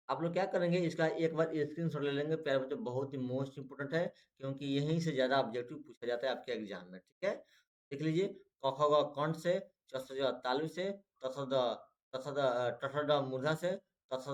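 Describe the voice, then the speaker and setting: Male teacher of middle pitch for an exam-prep lesson; drills every point by repetition and questions. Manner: repetitive, drills and quizzes students.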